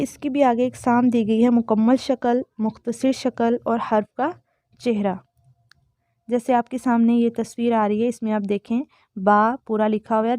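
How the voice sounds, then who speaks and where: A woman's voice: a little high, mellow, no echo, clean studio sound. A woman with a Pakistani Urdu accent giving an online lesson, patiently explaining Arabic letters and voicing each letter sound aloud. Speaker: Quran recitation teacher.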